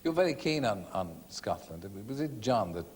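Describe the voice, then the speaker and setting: Teasing chat show host. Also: male voice, on the low side, big pitch swings, moderate pace, slight background noise. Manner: teasing, playful. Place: TV studio. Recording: 1980s broadcast, some hall reverb.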